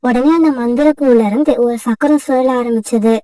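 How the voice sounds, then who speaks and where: A woman tells a children's cartoon story in a steady, high, mellow voice. The sound is dry and set back from the mic. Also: moderate pace, no echo, far from the mic, poor audio. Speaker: narrator. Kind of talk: storybook narration.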